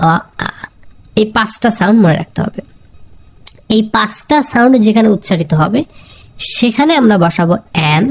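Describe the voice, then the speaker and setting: A woman's voice: medium pitch, darkish tone. A woman teaching a grammar lesson, who repeats the key sounds and keeps asking her students questions.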